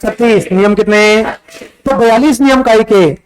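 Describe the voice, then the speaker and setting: A male teacher, quizzing a classroom in a rapid-fire exam-prep lecture and scolding students as he goes. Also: sits high, soft background music, poor audio.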